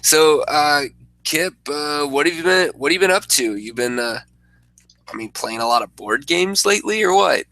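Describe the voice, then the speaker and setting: A man co-hosting a casual podcast, hoarse from a cold and laughing often as he chats. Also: fairly high pitch, lively intonation, normal speed, bright, forceful tone, dry recording, poor audio. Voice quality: gravelly. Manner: laughs often, loose and chatty. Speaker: podcast co-host.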